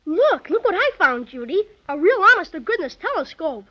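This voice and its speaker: An actor playing an eager, bold, excitable young boy in a 1930s children's radio serial, full of old-fashioned exclamations. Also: very high-pitched, moderate pace. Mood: excited, amazed. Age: child character. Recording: muffled 1930s radio transcription.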